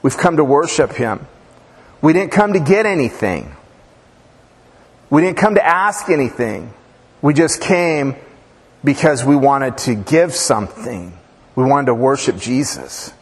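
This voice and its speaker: A man's voice: medium pitch, lively intonation, measured pace, long pauses. A man preaching a casual sermon, telling stories with informal asides, fillers and restarts. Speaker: pastor. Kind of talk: conversational sermon with storytelling. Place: church sanctuary. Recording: reverberant church hall.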